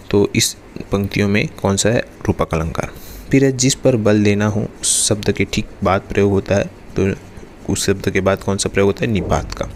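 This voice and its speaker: A man with a lowish voice works steadily through exam questions in a repetitive, drilling rhythm. A faint hiss of background noise sits under his voice. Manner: repeats "remember" and "then next" in a steady drilling rhythm. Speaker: exam-prep teacher.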